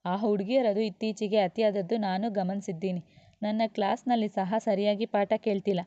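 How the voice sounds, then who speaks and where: A woman's voice: mid-range voice, fairly even intonation, normal speed, dark tone, no room sound, highs cut off, natural voice. A woman voicing a defiant young woman lecturer who talks sharply and scornfully. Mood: firm.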